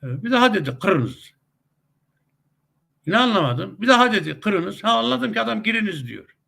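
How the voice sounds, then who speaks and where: A man's voice: high voice, big pitch swings, fast talker, gravelly, bright, forceful tone. A middle-aged man giving casual spoken commentary with anecdotes, talkative, with many hesitation sounds and emphatic rising outbursts. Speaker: commentator on a web TV channel.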